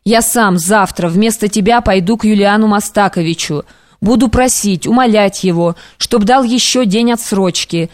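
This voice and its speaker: Woman narrator doing devoted young male friend, urgent, beseeching, audiobook, mid-pitched. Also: normal speed, no room sound, studio quality, lightly acted. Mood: worried.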